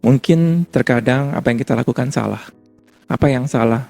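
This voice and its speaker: A man's voice: mid-range voice, normal speed, gravelly, a little mellow, soft background music. A male pastor giving a casual, conversational sermon, repeating his points for emphasis. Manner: casual conversational preaching with repetition.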